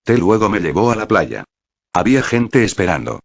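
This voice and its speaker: A man's voice: fairly low pitch, big pitch swings, moderate pace, vocal fry, dry recording, full character voice. A man voicing a frightened little girl who has become a living teddy bear, speaking timidly, in a dull, dry recording. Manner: timid, childlike.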